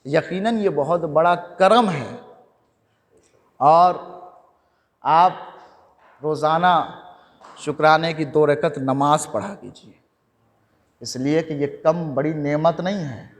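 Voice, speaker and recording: High bright preacher in an echoey hall. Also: male voice, long pauses. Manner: repetitive call-and-response preaching, climbing to shouts. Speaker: preacher at a mourning gathering. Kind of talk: sermon. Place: mosque hall. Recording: echoey hall with long reverb.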